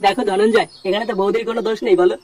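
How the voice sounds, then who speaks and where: A woman's voice: medium pitch, steady tone, rapid-fire, a little mellow, lightly acted. A woman voicing a nosy, preachy village man in a cartoon, mocking and lecturing a neighbour. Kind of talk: cartoon voice acting. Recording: distant voice with clear background noise.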